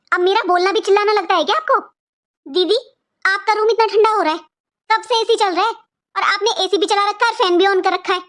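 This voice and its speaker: Casting: a woman as a taunting cartoon sister-in-law, very high and shrill, sharp-tongued. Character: scheming bossy young sister-in-law. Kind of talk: cartoon voice acting.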